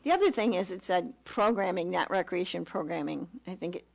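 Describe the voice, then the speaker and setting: Low gravelly woman debating wording. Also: a little fast. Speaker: commission member. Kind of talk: committee discussion.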